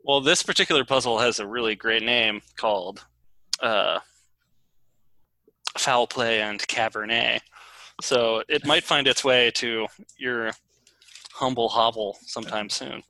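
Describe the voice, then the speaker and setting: A man's voice: mid-range voice, measured pace, long pauses, pushed and bright, no echo, poor audio. A man co-hosting a casual podcast, jokey and self-deprecating, laughing often. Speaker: podcast co-host.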